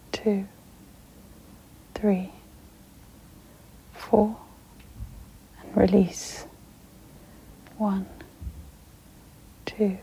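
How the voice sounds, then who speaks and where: A woman leads an ASMR sleep meditation, her medium-pitched voice breathy and mostly whispered, soothing and gentle, with long pauses. The audio is dull and carries a little hiss or hum.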